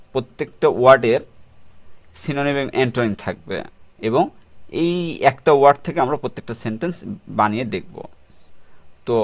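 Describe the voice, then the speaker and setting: A man with a Bangladeshi accent, teaching English vocabulary in a tutorial, who poses rhetorical questions and mixes in English terms. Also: mid-range voice. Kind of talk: explanatory tutorial talk.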